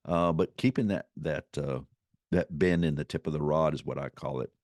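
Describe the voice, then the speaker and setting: A man's voice: extremely low pitch, moderate pace, darkish tone, no echo, clean studio sound. A man giving informal, unscripted instruction in a folksy, rambling way, circling back to repeat his points. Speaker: fly-fishing instructor.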